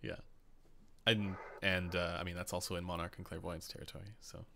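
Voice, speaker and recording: A Canadian man with a very low, gravelly voice chats casually on a live stream. His tone is bright and forward. He rambles, restarts, and fills pauses with ums while reading viewer questions. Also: level tone, a little hiss or hum. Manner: rambling, many fillers and restarts, reads chat questions aloud. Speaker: host.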